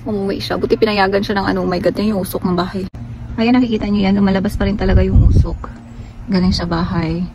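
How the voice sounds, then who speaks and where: A woman's voice: mid-range voice, steady tone, fast. A woman from the Philippines, vlogging on a handheld phone at home, shaken and scared and exclaiming often. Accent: Filipino. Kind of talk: casual vlog, filmed by phone. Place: at home and just outside the house. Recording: noisy phone recording.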